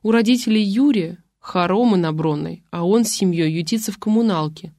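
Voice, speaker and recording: A woman voicing a calm, fair-minded older man. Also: medium pitch, fairly quick, dry recording, studio quality, natural voice. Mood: reasoning.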